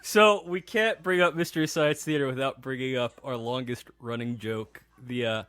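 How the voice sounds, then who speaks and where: A man's voice: medium pitch, normal speed, no room sound. A man in his forties talking with an old friend on a podcast. He goes through a story step by step and keeps checking in with his listener. The voice sounds close and dry. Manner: steady, recaps scenes with "right?" check-ins. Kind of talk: casual chat.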